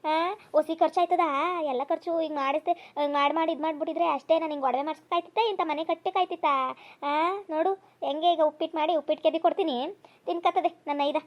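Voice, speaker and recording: A woman playing a loud, thrifty, scheming mother who scolds and gossips in a comedy skit. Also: sits high, steady tone, fast talker, lo-fi sound. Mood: gossiping. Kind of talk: comedy skit role-play.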